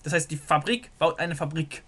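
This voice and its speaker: Thinking aloud as he sketches a software diagram, a programming tutor leads a screen-recorded whiteboard lesson and leans heavily on fillers like "so." He's recorded close on a desktop microphone, his slightly high voice bright and forward yet husky, moving at a moderate pace.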